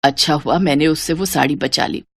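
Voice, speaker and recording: A woman voicing a stern, stingy mother-in-law who speaks curtly in a low voice. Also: fairly quick, no echo, studio quality. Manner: curt, stern.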